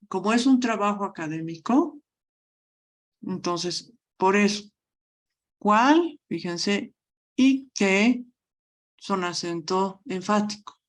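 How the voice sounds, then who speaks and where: Woman, university teacher, online lecture, stresses key words, mid pitch. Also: slow pace, long pauses. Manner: repeats "fíjense", stresses question words.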